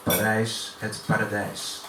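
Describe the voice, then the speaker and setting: A man reading his poems aloud at a café poetry afternoon, reciting in a measured way with deliberate pauses between lines. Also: on the low side, flat delivery. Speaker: poet. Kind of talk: poetry reading at a live event. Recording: echoey room from far off, noisy.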